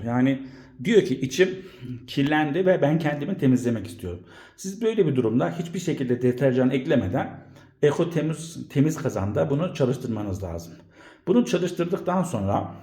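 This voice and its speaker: A man's voice: mid-range voice, a little mellow. Man in a very echoey bare room. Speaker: home appliance vlogger. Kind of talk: casual explainer to camera. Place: indoors at home, room without carpets.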